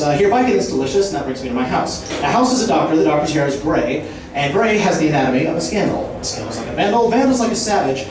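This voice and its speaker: A man performing an escalating stand-up comedy rant, theatrically rambling through chains of wordplay and rhyme, recorded live. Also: on the high side. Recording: very echoey room, distant mic, clear noise.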